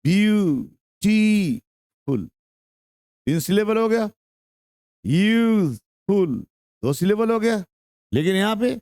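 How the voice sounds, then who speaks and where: A man's voice: high voice, expressive, a little fast, a little mellow, smooth, no echo, studio quality. A young man with a Bihari Hindi accent teaching an English grammar lesson to a class, drawing out his words and repeating questions and answers.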